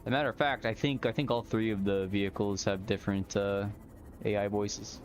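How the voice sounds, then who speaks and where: A man's voice: lowish voice, steady tone, a little fast, slight background noise. A man giving casual, chatty gameplay commentary, explaining things in colloquial language as he plays. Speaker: gamer hosting a modded survival game stream.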